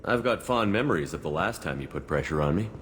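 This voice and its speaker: A man playing a steadfast military commander in a video game cutscene, calm and wry with a plain, understated delivery. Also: low-pitched, fast, noisy background. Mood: playful, flirting. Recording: long hall reverb, music behind.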